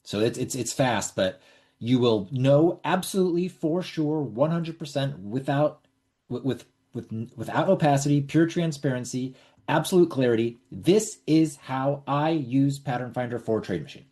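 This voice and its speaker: A man's voice: mid-range voice, animated, normal speed, dark tone. A middle-aged man hosting a casual online trading webinar, talking bluntly with repeats and the odd swear word. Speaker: webinar host.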